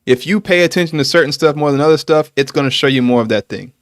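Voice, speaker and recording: Man explaining things in a measured way. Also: on the high side, dry recording, clean studio sound. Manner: explanatory, measured, with many fillers. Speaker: podcast host. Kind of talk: casual livestream chat.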